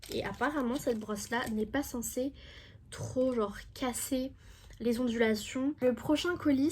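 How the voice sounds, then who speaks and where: A woman's voice: fairly high pitch, a little mellow, a little hiss or hum. A young woman from France, a beauty vlogger, chatting casually and enthusiastically as she unboxes products, with rambling asides.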